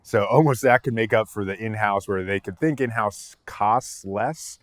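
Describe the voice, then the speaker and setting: A man hosting a podcast, talking casually in a relaxed, agreeable way with loosely built sentences. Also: on the low side, normal speed, no room sound. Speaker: podcast host.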